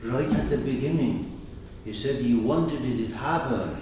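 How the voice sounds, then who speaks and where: Medium-pitched and a bit dark in tone, this teacher's voice keeps a measured pace. He has an Arabic accent and explains terms to his class in a digressive, rambling way, often asking the room questions, captured far from the mic in a roomy space with slight background noise.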